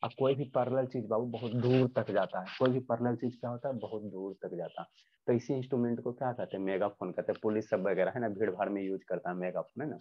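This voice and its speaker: A man's voice: fairly low pitch, fairly even intonation, fast, breathy edge. Teacher, male, online class over a dull video call line, asks and answers his own questions, drills each point.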